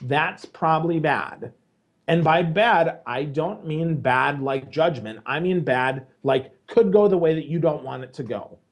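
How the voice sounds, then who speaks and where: Male podcast co-host, slightly high voice, emphatic and blunt, lecturing tone. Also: measured pace. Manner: emphatic, lecturing, jumps between loud and low. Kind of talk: casual podcast chat.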